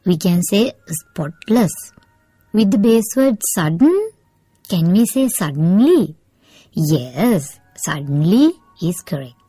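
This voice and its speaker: A woman's voice: fairly low pitch, big pitch swings, takes it slowly, dark tone, breathy edge, no echo, soft background music. A woman teacher giving a broadcast lesson, asking questions and answering them herself while calling her pupils "my dear children". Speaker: English teacher. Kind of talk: televised classroom lesson.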